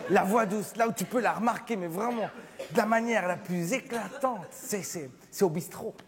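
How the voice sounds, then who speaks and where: A man performing a stand-up comedy show on a theatre stage, animated and acting out little scenes. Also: sits high, moderate pace, a crowd in the background, background noise. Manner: animated, acts out scenes with shifting voices. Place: theatre stage with live audience. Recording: live theatre recording, hall reverb, audience laughter. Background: audience laughing.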